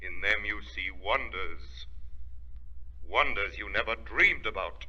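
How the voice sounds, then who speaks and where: The Shadow, piercing, commanding avenger. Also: male voice, fairly low pitch, pushed and bright, heavily acted. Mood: hypnotic. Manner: deliberate, theatrical, commanding. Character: stern, commanding, unseen male avenger with hypnotic power. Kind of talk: 1930s radio drama acting. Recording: muffled old 1930s radio recording.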